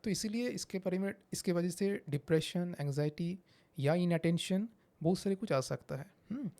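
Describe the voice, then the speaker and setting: A man's voice: high voice, normal speed, warm tone. A man, a psychiatrist guest explaining patiently with examples and slipping into English phrases. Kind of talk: explanatory interview talk.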